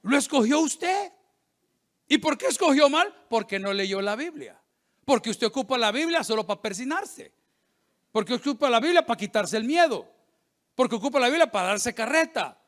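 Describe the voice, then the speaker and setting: A middle-aged man, a pastor preaching a sermon, joking and animated, acting out the voices of people he quotes. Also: very high voice, normal speed.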